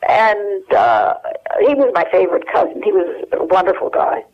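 An older woman with a mid-range, sing-song voice speaks at a normal pace as a guest in a telephone interview. She rambles through family stories with lots of fillers, and the phone line sounds muffled.

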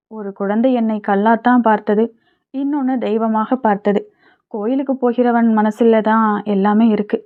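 A woman's voice: a little high, close to an everyday voice. A woman reading as a grieving old mother, tinny sound. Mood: calm, wise. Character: grieving older widowed mother, strong-willed.

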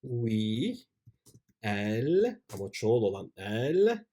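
Lively-pitched man teaching slowly. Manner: reads French examples slowly, then explains them. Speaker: French teacher. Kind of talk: grammar lesson with worked exercises.

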